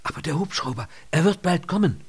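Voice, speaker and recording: A man reading an audiobook voices a distraught young woman who pleads anxiously in a rushed, breathless way. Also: a little high, expressive, slightly rough, pitched above the performer's own voice. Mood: anxious pleading. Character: young adult woman, distraught, caring for wounded ranger.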